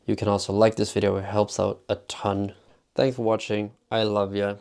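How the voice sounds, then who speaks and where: Gravelly low-voiced vlogger man. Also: little pitch movement, moderate pace, darkish tone. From Sweden. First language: Swedish. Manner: rambling, filler-heavy with constant "like". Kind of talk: casual vlog talk.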